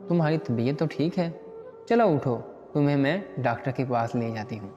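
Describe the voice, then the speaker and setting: A man's voice: mid-range voice, moderate pace, mellow, natural voice. Man doing a fussing older mother-in-law. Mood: concerned. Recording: dull lo-fi recording with long reverb and faint music.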